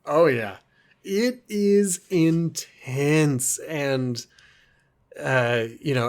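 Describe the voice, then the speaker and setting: A man co-hosting a casual movie podcast, animated, his voice jumping up when he gets excited, laughing often. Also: medium pitch. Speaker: podcast co-host.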